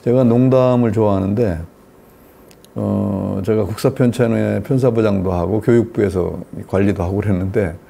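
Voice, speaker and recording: A man's voice: on the low side, steady tone, normal speed, gravelly, warm tone, a little hiss or hum. An older man giving a public lecture in a lecture hall. He talks in a chatty way, telling jokes and putting questions to the audience.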